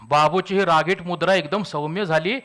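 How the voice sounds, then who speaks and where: A man's voice: on the high side, normal speed. A man reading a humorous village story aloud at a literary event, switching into voices for the characters. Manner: lively character voices and chuckles.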